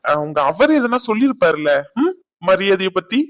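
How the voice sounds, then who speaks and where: A man's voice: sits high, very animated, moderate pace, dry recording, muffled recording. A man voicing a playful young man in a cartoon who keeps mocking and teasing his friends. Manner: mocking, teasing, laughs often. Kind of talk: cartoon voice acting.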